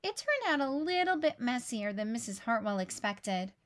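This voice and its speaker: This woman's pitch sits fairly high as she reads from a picture book for kids, bringing expressive storytelling flair while keeping an ordinary speed.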